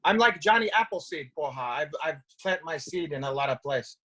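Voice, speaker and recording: A man's voice: a little high, animated, a little fast, pushed and bright. A middle-aged man playing a boastful, crude fighting legend, stumbling and rambling as he takes callers on a video call. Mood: cocky. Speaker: show host taking callers.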